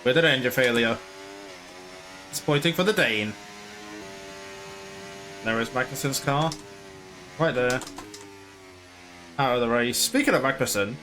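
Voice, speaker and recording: A man's voice: a little high, a bit bright, slight background noise. A man casually commentating his own racing game play, chatty and rambling, sometimes slipping into mock broadcast commentary. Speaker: gaming YouTuber.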